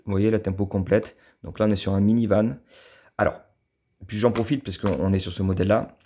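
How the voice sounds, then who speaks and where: A man's voice: lowish voice, fairly even intonation, brisk, warm tone, husky. A man from southern France with a southern French accent, casually reviewing his die-cast model cars, hesitant with many fillers and restarts, fond and admiring.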